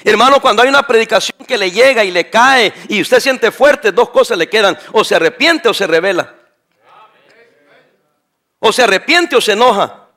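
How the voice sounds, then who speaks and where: A middle-aged male pastor preaching with a high, bright voice. He drives his points home with emphatic repetition and keeps firing rhetorical questions at the congregation. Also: lively intonation, moderate pace. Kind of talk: sermon.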